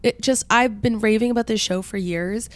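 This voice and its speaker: A woman's voice: on the high side, normal speed. A woman in her twenties co-hosting a podcast, sounding nasal and congested from a cold, chatting casually with lots of "like" fillers. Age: 20s. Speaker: podcast co-host. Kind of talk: casual chat.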